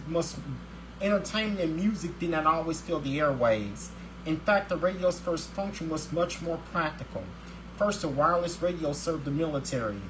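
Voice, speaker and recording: A man's voice: a little high, background noise. A man hosting his own daily video show, upbeat and religious, who reads a scripted segment and often stumbles and restarts his words.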